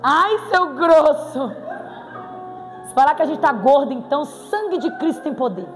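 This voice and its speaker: High-voiced Brazilian woman preaching in hall. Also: quick pace. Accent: Brazilian Portuguese. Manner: playful, animated, bursts into exclamations. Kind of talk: sermon. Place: church hall. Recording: reverberant hall with faint music.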